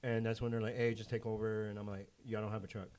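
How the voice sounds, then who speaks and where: A man's voice: level tone, quick pace, darkish tone. Joking young man with mid voice. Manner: joking, drops to low mumbles when quoting, swears freely. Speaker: podcast co-host. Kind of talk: casual chat.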